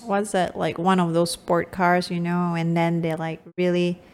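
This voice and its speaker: Female co-host, giggly and casual, voice on the lower side. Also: level tone, unhurried, a little mellow, a little hiss or hum. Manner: giggly, laughs often. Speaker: podcast co-host. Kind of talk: casual chat.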